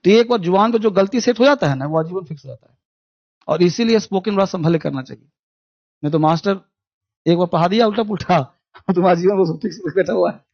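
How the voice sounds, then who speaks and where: A man teaching English grammar in a classroom lecture, speaking, animated and drilling points with repeated questions. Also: sits high, a little fast, gravelly, highs cut off.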